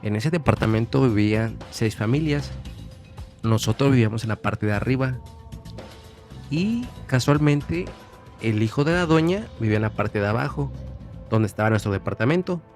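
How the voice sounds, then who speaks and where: A Mexican man with a Mexican Spanish accent tells a personal story as a guest, chatting casually and often repeating phrases while he remembers. His medium-pitched, slightly mellow voice has lively intonation and normal pace, with soft music in the background.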